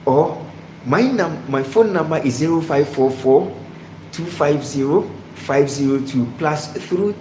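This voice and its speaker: A man's voice: on the high side, unhurried. A man from Ghana hosting a casual sports live stream, greeting viewers by name and asking them questions. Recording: echoey room with loud background noise.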